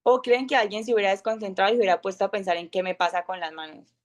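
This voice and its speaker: Young woman, loud and high-voiced, informal teaching talk with lively examples. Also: quick pace. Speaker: speaker of an online masterclass.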